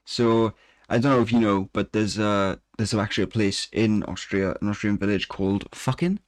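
A man's voice: fairly low pitch, steady tone, moderate pace, no room sound. A man co-hosting a casual podcast, reading odd news stories aloud with dry asides and frequent laughter. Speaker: podcast co-host.

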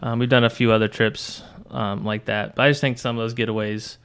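A young man with a smooth, slightly low voice talks easily about his life. He pauses with frequent "um"s but keeps a relaxed pace. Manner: easygoing, hesitant with "um"s. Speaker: guest, husband and teacher. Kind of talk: casual podcast conversation.

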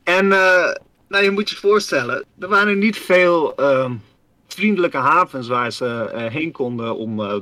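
A man's voice: a little high, expressive, a little slow, bright, forceful tone, no room sound. A man casually telling a history story to his co-host on a podcast, rambling with many fillers and often calling his co-host by name.

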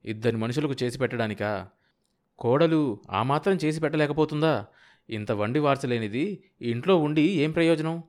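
A man's voice: medium pitch, moderate pace, pauses often, darkish tone, close to an everyday voice. Reader doing a sour old farmer stewing over his household, muttering to himself. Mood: resentful. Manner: muttering rhetorical inner grumbling. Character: grumbling resentful older village man.

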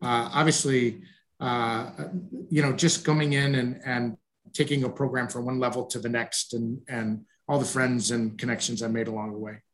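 A man's voice: mid-range voice, little pitch movement, moderate pace. A man from the Chicago suburbs, a coach guest in a casual interview, hesitant and friendly, with many restarts. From Chicago northwest suburbs. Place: at home, video call.

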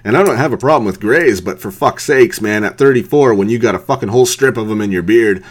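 Fairly low-pitched and quick, a man in his 30s hosts a podcast where he rants profanely, bluntly ridiculing someone amid lots of swearing and laughter.

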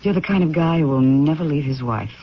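Blunt accuser, husky, animated. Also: male voice, fairly high pitch, brisk. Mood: reproachful. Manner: insistent, reproachful. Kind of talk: old-time radio drama acting. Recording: muffled old radio recording.

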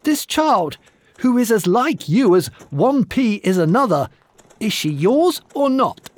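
A man voicing an enraged giant woman, loud and shrieking with fury. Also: high voice, lively intonation, measured pace, pitched above the performer's own voice. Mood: furious. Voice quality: shrieking and thunderous.

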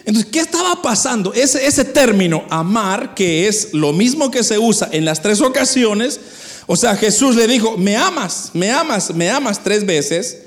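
Very high-voiced male preacher. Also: animated, a little slow. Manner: explanatory, addresses congregation directly; repeats words as he restarts. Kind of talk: sermon.

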